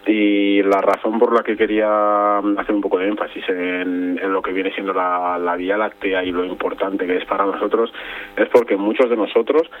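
A man's voice: fairly low pitch, little pitch movement, normal speed. A young man Madrid, a photographer answering radio interview questions, thoughtful and searching for his words with many restarts. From Madrid, Spain. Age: young adult. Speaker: photographer guest. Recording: tinny phone line.

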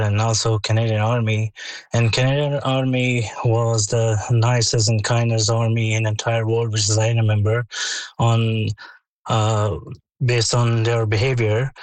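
An Afghan man speaking in hesitant, broken English, full of pauses and fillers. His voice stays flat in pitch, and the sound is dry and close. He answers as a guest calling in to a radio interview. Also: no echo, low-quality recording. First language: not English. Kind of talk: phone interview. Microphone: phone line.

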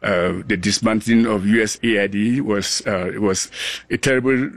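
With a fairly low pitch and fairly even intonation, this man, a global health scientist from Cameroon in his sixties, talks earnestly in an interview. He halts often and restarts many times, and there's no room sound.

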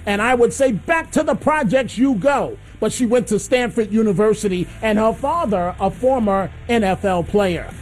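A man with a notably high voice hosts a call-in radio show, sneering and combative as he mocks his targets. His delivery is sarcastic and opinionated throughout. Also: moderate pace, few pauses, soft background music. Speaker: radio talk show host.

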